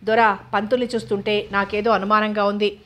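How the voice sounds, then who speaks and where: A woman's voice: mid-range voice, little pitch movement, brisk, natural voice. A woman voicing a stammering, anxious male servant. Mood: hushed. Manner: stammering, hushed.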